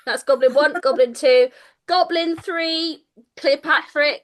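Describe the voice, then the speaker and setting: A woman game master narrates a tabletop adventure in a bright, crisp, high voice. She speaks slowly and takes her time, keeping a playful, laughing tone and slipping into silly character voices.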